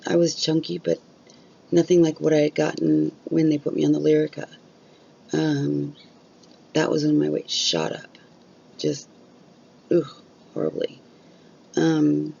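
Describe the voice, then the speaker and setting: In a low, creaky voice that is warm yet slightly rough, a woman vlogs candidly about chronic illness as she loses her voice. Her casual talk is blunt and open, and she swears freely; the audio is dull.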